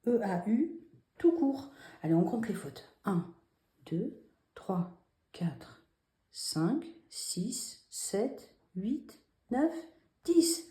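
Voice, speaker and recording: Slow, mellow-voiced woman teacher. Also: mid-range voice, very animated. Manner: patient, explains step by step with rhetorical questions. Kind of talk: spelling lesson for children. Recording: roomy echo.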